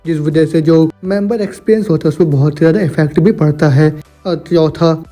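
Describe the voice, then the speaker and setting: A man voicing an eager young female fitness coach in a storybook recap, quick and businesslike. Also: on the high side, dark tone, natural voice.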